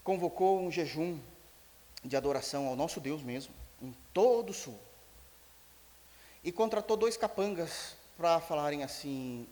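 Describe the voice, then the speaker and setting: A Brazilian man preaching a sermon as pastor, telling a story in an animated way and acting out its dialogue. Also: on the high side. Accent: Brazilian Portuguese. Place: church sanctuary. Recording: long church hall reverb.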